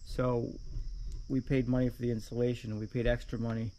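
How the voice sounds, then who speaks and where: A chatty man giving a plainspoken basement tour for his own channel, voice sitting in a middle range. His talk is relaxed and full of small "uh" fillers. Faint noise and crickets hang behind him. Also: medium pitch, fairly quick, low-quality recording. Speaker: woodworking channel host. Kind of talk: casual walkthrough vlog. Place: basement under a lifted house.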